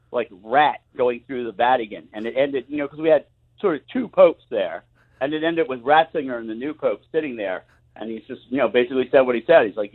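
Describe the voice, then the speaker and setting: Man over the phone, husky voice, tinny muffled line, wry and self-mocking. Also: medium pitch. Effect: heard over the phone. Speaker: guest musician. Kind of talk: casual phone interview. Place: at home. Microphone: phone, later on speakerphone.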